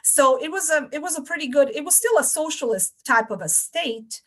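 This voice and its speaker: A woman in her forties with a Bosnian accent, a podcast guest telling her life story in a reflective, measured way. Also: sits high, animated. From Bosnia and Herzegovina. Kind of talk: interview storytelling.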